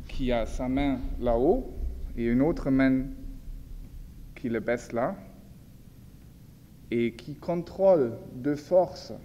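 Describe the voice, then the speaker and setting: A man with a German accent, a native German speaker, gives an informal illustrated lecture in French, halting as he searches for words and corrects himself. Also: medium pitch, dark tone, lo-fi sound. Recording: echoey hall with long reverb, background noise.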